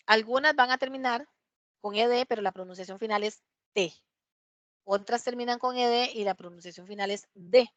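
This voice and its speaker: Woman, English teacher, patient, repeats words slowly, fairly high voice, dry close audio. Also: dry recording. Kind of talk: online class explanation.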